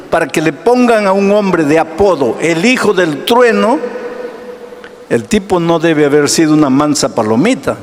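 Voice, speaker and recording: High-pitched preaching pastor in a hall. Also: male voice. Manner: preaching with sweeping swings between hushed and raised delivery; asks the listener direct questions and answers them. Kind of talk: sermon.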